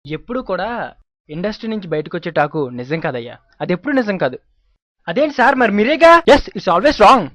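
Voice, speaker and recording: A man's voice: high voice, a bit bright, no echo. Brief: man, playful mock-pompous banter in a comic sketch, dry close recording. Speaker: comic performer playing both anchor and film star. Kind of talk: comic spoof interview.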